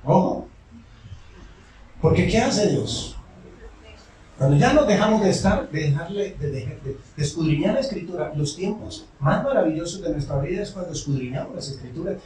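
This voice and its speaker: A male pastor in a church sanctuary preaches a call-and-response sermon, putting questions to the congregation and answering them himself. His voice is on the high side with a darkish tone, captured from far off in an echoey hall with a little hiss or hum.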